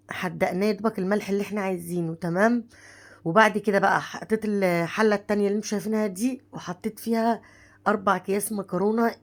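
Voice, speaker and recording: Egyptian lady, 30s, hoarse w a cold, talks quick n chatty, calls viewers sister while cooking. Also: mid-range voice. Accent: Egyptian Arabic. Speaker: home cooking vlogger. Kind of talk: casual cooking narration.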